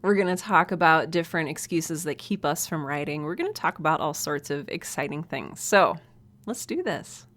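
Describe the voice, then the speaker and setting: A woman's voice: deep voice, animated, normal speed, fairly bright tone. A woman hosting a casual solo podcast from her hot home office, chatty and self-deprecating, laughing often. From American Midwest. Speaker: podcast host. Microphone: desk mic with headphones.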